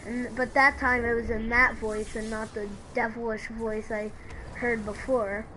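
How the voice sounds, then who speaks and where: Slow, hesitant young-sounding woman narrator. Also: on the high side, level tone, noisy background. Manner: hesitant, halting with restarts. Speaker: storyteller. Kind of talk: creepypasta narration.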